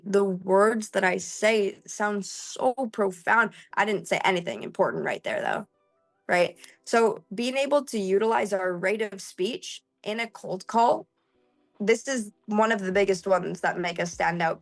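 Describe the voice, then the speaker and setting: A woman sales trainer teaching vocal technique, freely changing her speed and pitch to show each point. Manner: expressive, shifting pace and pitch to demonstrate.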